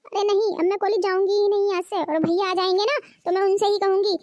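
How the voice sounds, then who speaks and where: A woman's voice: very high-pitched, fairly even intonation, fast talker, darkish tone, dry recording, studio quality. A woman voicing a sulky, demanding young college girl in a cartoon. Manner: whiny, sulky. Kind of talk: cartoon voice acting.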